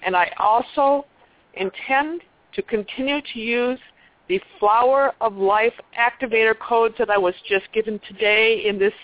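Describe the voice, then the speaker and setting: A woman phoning in to a radio show, her fairly high voice coming through a thin, tinny phone line. She speaks in a fervent, affirming way. The sound is dry and close, with no room around it. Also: normal speed, no room sound. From Wisconsin. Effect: phoned in over a tinny phone line. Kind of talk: earnest spiritual call-in statement.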